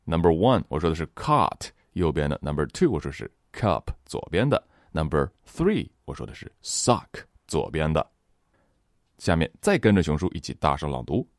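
A man's voice: rumbling low, very animated, normal speed, dry recording, studio quality. A man teaching English pronunciation. He runs repeat-after-me drills, switching between Mandarin explanation and English word models, with playful, vivid comparisons.

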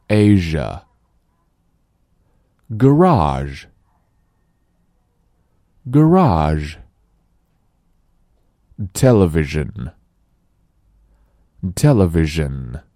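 A man whose first language is Chinese, teaching English pronunciation and reading each word slowly twice for his students to repeat. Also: sits low, warm tone, no room sound, studio quality. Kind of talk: language lesson, reading words slowly for repetition.

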